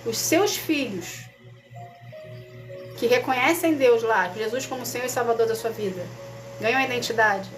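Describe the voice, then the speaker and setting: A woman's voice: fairly high pitch, moderate pace, pauses often, faint music behind. A Brazilian woman, a missionary, teaching a casual Bible study in a conversational way and often checking that her listeners follow.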